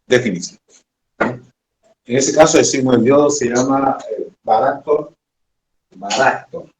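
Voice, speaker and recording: Male teacher, slow and halting lecture, constant tag questions, roomy echo. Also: mid-range voice, slight background noise. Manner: slow, halting, keeps adding "decimos, ¿no?". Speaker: electronics teacher. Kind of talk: classroom lecture. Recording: echoey room.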